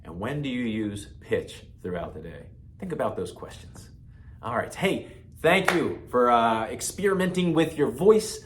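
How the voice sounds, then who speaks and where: A man's voice: mid-range voice, lively intonation, unhurried, background noise. A man teaching a children's music lesson in a playful way, often laughing and demonstrating voices.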